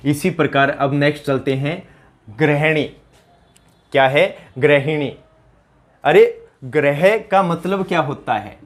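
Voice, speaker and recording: A man's voice: fairly high pitch, slow, long pauses. A man teaching a Hindi spelling lesson for exam students, asking the class question after question and answering them himself, with joking asides in a local dialect. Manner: quizzing listeners with repeated rhetorical questions.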